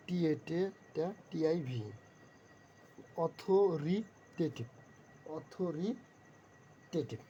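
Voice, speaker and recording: Male teacher, dark gravelly voice, slow patient spelling drills, faint noise behind. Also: on the high side, lo-fi sound. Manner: spells words slowly, repeats them many times. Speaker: vocabulary teacher. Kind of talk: spelling lesson, letter by letter.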